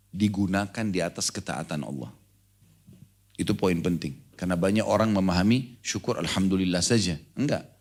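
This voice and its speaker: A middle-aged man giving a live sermon to a congregation in a hall, talking conversationally and quizzing his listeners directly. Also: lowish voice. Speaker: Islamic preacher. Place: lecture hall with a live audience.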